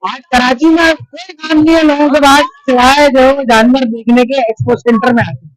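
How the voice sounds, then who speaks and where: A man's voice: very high-pitched, steady tone, normal speed, low-quality recording. A man, chatting casually through a walking vlog at a livestock expo, repeating himself and joking with animals and passers-by. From Pakistan. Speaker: vlogger. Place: busy indoor livestock expo hall.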